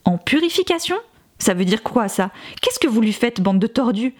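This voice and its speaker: A woman's voice: fairly high pitch, sing-song, normal speed, darkish tone. A woman reading aloud voices a determined mother who talks in a blunt, furious way. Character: angry determined mother, fierce.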